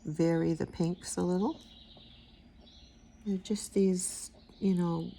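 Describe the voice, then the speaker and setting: With a steady tone, an older watercolor instructor speaks low, gravelly and quiet, taking her time in a casual painting tutorial. Soft-spoken and rambling, she trails off and mumbles as she concentrates. There is slight background noise.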